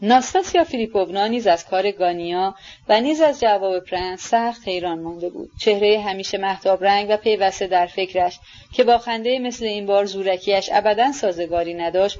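A woman reading a classic novel aloud in a steady, measured narration. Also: medium pitch, dull audio. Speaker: audiobook narrator. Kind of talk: scripted audiobook narration.

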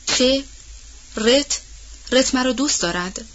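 A proud, headstrong young heroine in an audiobook, her voice climbing high when emotion takes her, as a woman narrator puts her on. The tone is bright and clear, and the recording sounds dull and lo-fi. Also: natural voice. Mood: stunned.

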